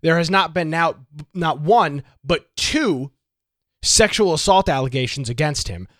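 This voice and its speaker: A man's voice: on the high side, animated, unhurried, fairly bright tone, no echo, studio quality. Opinionated male political talk host. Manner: opinionated, rhetorical questions.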